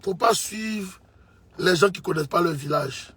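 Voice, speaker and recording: This man from Côte d'Ivoire has a high, fairly bright voice with a breathy edge and speaks unhurriedly, recorded with no room sound. He's a political commentator in an impassioned monologue, insisting on his points and calling the listener brother.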